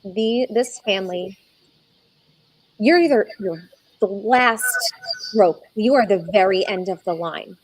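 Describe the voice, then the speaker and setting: A young adult woman, a guest in an interview, telling her own story earnestly and slowing down when she is moved. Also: medium pitch, no room sound, low-quality recording. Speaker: egg donor guest. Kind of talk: conversational interview.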